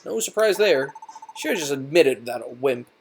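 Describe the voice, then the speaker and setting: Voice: mid-range voice, expressive, moderate pace, a little hiss or hum, natural voice. A game player voicing a mocking young creature who taunts a timid kid in a sneering voice.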